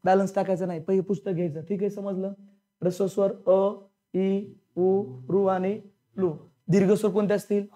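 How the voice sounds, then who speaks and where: A man's voice: sits high, little pitch movement, moderate pace, mellow. A male teacher giving a classroom grammar lesson, drilling his students with repeated questions in a blunt, colloquial, sometimes scolding way.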